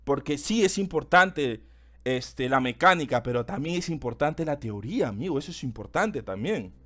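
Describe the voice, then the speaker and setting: A man chatting loudly on a game stream, excitable and swearing often. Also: mid-range voice, normal speed. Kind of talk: casual stream chat.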